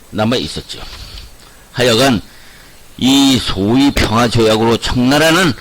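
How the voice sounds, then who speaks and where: A man's voice: medium pitch, fairly bright tone, poor audio. An older man telling history to viewers in a loose storytelling way, sometimes correcting himself as he goes. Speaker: history channel host. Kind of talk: history narration.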